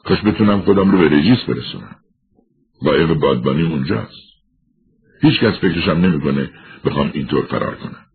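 A man voicing a weary middle-aged man who has confessed to a killing, speaking quietly and resigned. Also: extremely low pitch, animated, creaky, breathy edge, exaggerated voice. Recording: tinny narrow-band recording.

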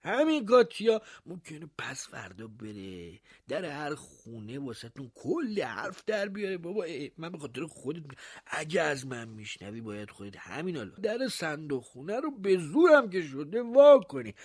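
A man's voice: sing-song, a little mellow, breathy edge, dry recording, studio quality. Man putting on a nosy, pompous village mayor. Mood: conspiratorial. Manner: high, mocking, gossipy.

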